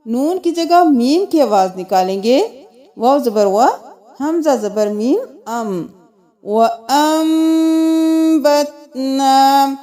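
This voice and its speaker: A woman teaching Quran reading, spelling out letters and vowel marks, then reciting verses slowly and melodically. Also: on the high side, warm tone. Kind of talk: tajweed lesson with slow recitation.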